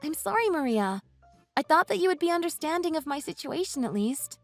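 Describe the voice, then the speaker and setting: Woman reading as an apologetic ex-wife, slightly high voice, dry recording, soft music bed. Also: very animated, fairly quick, dry recording. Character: apologetic ex-wife, firm but sorry. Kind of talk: read-aloud text-message story.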